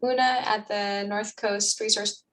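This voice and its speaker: A woman's voice: mid-range voice, steady tone, a little slow, a bit bright, distant mic, a little hiss or hum. A young woman hosting a meeting, chatting casually and laughing, with plenty of fillers. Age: young adult. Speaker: meeting host. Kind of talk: casual video-call chat. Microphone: video call.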